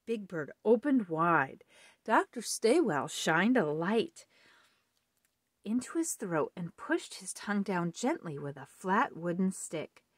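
A woman reading a children's storybook aloud with warm, expressive storytelling. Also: medium pitch, takes it slowly, dry recording, studio quality. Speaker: storybook reader.

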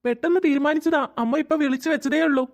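A woman voicing a calm, matter-of-fact middle-aged husband in a cartoon. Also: sits high, racing. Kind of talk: cartoon voice acting.

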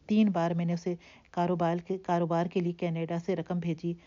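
A woman's voice: lowish voice, level tone, mellow, lightly acted. A woman voicing an earnest middle-aged man. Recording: dull lo-fi recording.

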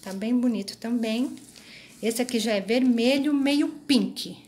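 A woman in her thirties hosts a homey crochet vlog from a small craft room, filming close-ups on a phone she holds in her hand. Her voice sits a little high, and she keeps checking in with viewers through easy tag questions and asides. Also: measured pace, a little mellow. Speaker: crochet channel host. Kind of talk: casual show-and-tell vlog. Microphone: phone held in hand.

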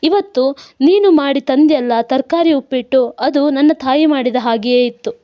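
A woman's voice: high-pitched, moderate pace, natural voice. A woman voicing a sorrowful middle-aged woman who tells her past in a tearful, reflective way. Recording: dull lo-fi recording.

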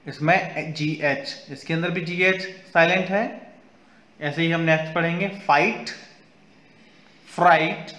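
A man's voice: on the high side, pushed and bright, reverberant. A male English teacher giving a grammar lesson to young children, spelling words out letter by letter and switching between Hindi and English.

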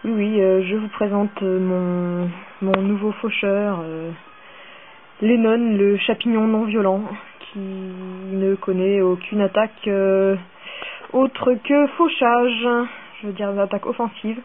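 A woman's voice: mid-range voice, slow pace, slight background noise. A woman playing a video game and commenting casually, swearing and getting worked up as she goes. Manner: swearing, excitable, rambling. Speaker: game player. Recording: tinny phone-like sound with faint music.

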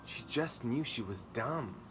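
A man in his thirties reads a children's story dramatically and emphatically from a seat on an outdoor garden patio. His voice is medium-pitched, animated and a bit bright, moving at a slow pace, and background ambience is clearly audible.

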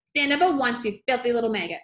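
Read aloud from a storybook, this is a raging headmistress who roars her threats and rants without pause, as a woman puts her on. The voice sits on the high side and stays loud and hard. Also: natural voice. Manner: roaring, ranting threats. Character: furious bullying headmistress, a big woman.

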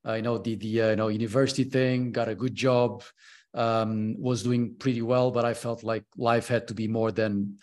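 On a video call from a room at home, a Portuguese man in his early forties, a consultant and mentor appearing as a podcast guest, chats casually in an interview. His voice is low-ish, steady, slightly mellow and at a normal pace, though his speech is hesitant and full of fillers and restarts.

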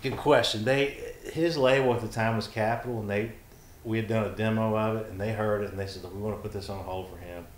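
A man's voice: on the low side, fast talker, reverberant, slight background noise. A man who is a songwriter guest, telling stories casually in an interview, livening up when he quotes people. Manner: animated when quoting others, trailing restarts. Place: back porch studio.

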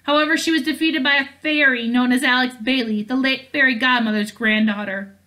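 Sea witch read by a woman: ancient, scornful, hisses her lines, high and bright. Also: fairly even intonation, fairly quick. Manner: hissing, scornful.

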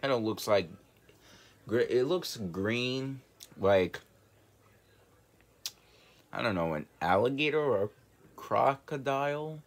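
A young man hosting a casual reaction vlog, talking in a halting, rambling way. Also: medium pitch, lively intonation. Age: young adult. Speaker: reaction video host. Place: small bedroom, indoors.

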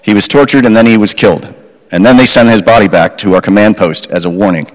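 Fast-reading man at a chapel lectern. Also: on the low side, lo-fi sound. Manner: steady reading with quoted recollections. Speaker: chapel speaker. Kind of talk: reading a family war story aloud. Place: school chapel, indoors. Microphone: lectern mic. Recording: chapel reverb.

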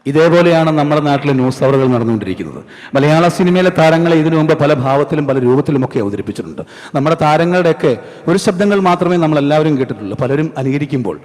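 A man's voice: fairly high pitch, expressive, fast talker, darkish tone. A man, a mimicry artist, talking to the audience in conversational stage comedy patter. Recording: stage hall reverb.

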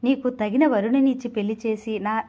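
A woman's voice: a little high, fairly even intonation, brisk, dark tone, muffled recording, lightly acted. A woman reading the lines of a remorseful wealthy older father who pleads with his daughter, in an earnest storybook delivery. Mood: pleading.

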